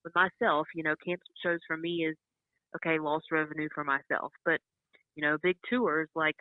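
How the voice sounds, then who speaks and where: A country singer from North Carolina talking on a telephone line in a casual interview, chatty and quick to laugh. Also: female voice, low voice, level tone, no room sound. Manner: chatty, laughs often between points. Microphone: phone. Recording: dry, tinny telephone line.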